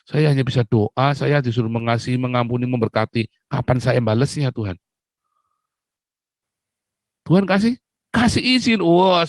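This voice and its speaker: A man's voice: on the low side, dry recording. A man from Indonesia preaching a sermon with personal testimony, exclaiming often and addressing his listeners as brothers and sisters.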